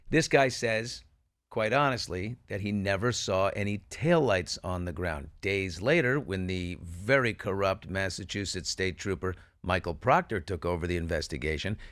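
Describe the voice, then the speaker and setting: In clean studio audio without any echo, a man with a fairly low voice hosts a talk show discussing true-crime news. He is emphatic and opinionated, throwing out rhetorical questions.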